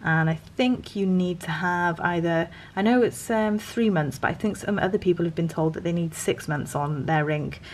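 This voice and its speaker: Low-pitched British woman, casual and rambling. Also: normal speed, hardly any pauses, darkish tone, a little hiss or hum. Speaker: reseller vlogger. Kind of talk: casual haul commentary.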